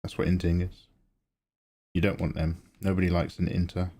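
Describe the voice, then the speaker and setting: A man's voice: sits low, little pitch movement, normal speed, mellow, slightly rough. A man chatting casually on a livestream as its host, rambling and thinking aloud. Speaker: streamer and digital artist.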